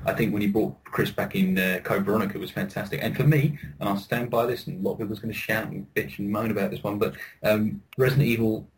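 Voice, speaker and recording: A man's voice: fairly low pitch, steady tone, quick pace, hardly any pauses. A man co-hosting a podcast in casual banter, laughing often and repeating himself as he argues. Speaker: podcast co-host.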